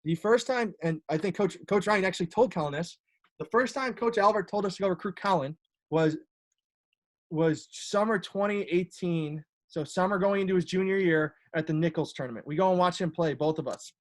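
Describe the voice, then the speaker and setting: A man's voice: sits high, fairly quick. A young man, a college lacrosse coach talking casually on a video call, rambling with many fillers and restarts.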